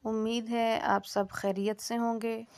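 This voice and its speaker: A woman teaching an online Quran recitation lesson, drilling syllables slowly and patiently, then explaining quickly. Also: fairly high pitch, little pitch movement, a little mellow, a little hiss or hum.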